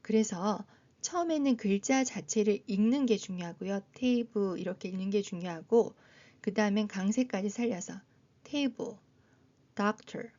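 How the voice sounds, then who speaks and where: A woman teaching English phonics to adult learners, patiently explaining in Korean and modeling each English word slowly. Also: medium pitch, mellow. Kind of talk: slow, careful phonics lesson. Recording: dull, slightly lo-fi sound.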